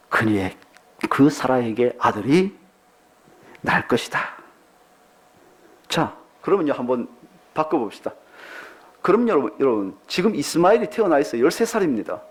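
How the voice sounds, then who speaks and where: A man's voice: fairly high pitch, slightly rough. A man preaching a sermon as pastor, posing many rhetorical questions to the congregation.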